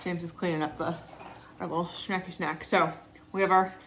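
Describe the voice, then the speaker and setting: A woman's voice: fairly low pitch, flat delivery, moderate pace, a bit bright, a little hiss or hum. A woman chatting casually in a home vlog, describing food and drinks to the camera. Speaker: vlogger. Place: home indoors.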